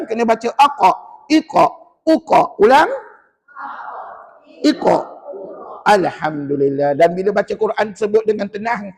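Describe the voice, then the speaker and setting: Here the Quran recitation teacher sounds very high-pitched, with vocal fry and a Malaysian Malay accent. Quizzing his class, he demonstrates each sound for repetition while the mosque hall adds a long reverb.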